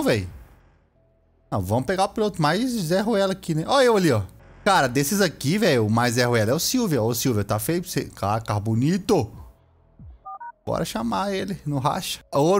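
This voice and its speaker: A young man with a Brazilian accent giving casual, excitable gameplay commentary, full of slang, shouting and laughing at the game. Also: medium pitch. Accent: Brazilian Portuguese. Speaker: gameplay streamer.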